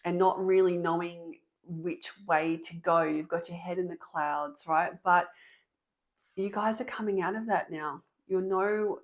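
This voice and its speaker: Earnest, excitable woman giving a tarot reading. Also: on the low side, a little slow. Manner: earnest and excitable, with frequent ums and restarts. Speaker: tarot reader. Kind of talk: tarot reading for an online audience.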